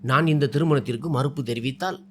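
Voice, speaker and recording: A man voicing a shy, frightened young woman who speaks softly and hesitantly. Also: mid-range voice, fairly quick, slight background noise, natural voice. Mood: fearful. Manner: hesitant, trembling, soft-spoken.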